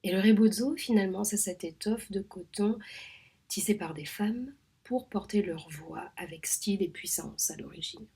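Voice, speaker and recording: A woman from Réunion, a home midwife, talking in a soft, measured way that often drops to a half-whisper, with frequent hesitations. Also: mid-range voice, husky. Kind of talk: reflective spoken monologue.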